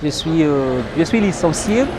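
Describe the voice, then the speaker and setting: A man's voice: a little high, animated, measured pace, background noise. A Congolese man being interviewed as a guest, explaining in French with some Lingala phrases and frequent hesitations. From Democratic Republic of the Congo.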